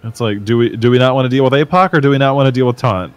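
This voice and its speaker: A man casting an esports draft, chatty and animated, acting out players' thoughts as he talks. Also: mid-range voice, clear, resonant tone, no room sound. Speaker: esports caster. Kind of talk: draft-phase casting banter.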